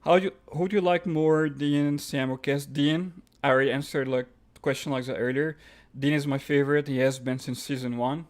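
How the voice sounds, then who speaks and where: On his live stream, a man from Egypt with an Egyptian accent reads viewer questions aloud, then answers them offhand, with fillers and restarts. His voice is fairly high in pitch, steady in tone, and a little fast.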